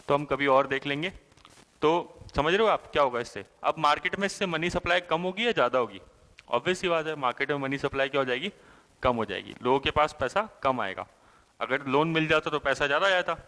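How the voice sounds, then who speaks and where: A man's voice: a little high, pushed and bright. Man teaching an exam-prep class in a reverberant room. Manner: asks questions and answers them himself; explanatory, with frequent "thik hai" and "hai na" checks.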